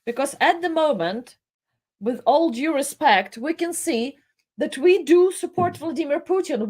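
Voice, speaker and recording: A middle-aged woman from the Soviet Union delivers impassioned live commentary in a fairly high voice. She takes her time, often halting and repeating words as emotion builds in her speech. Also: darkish tone.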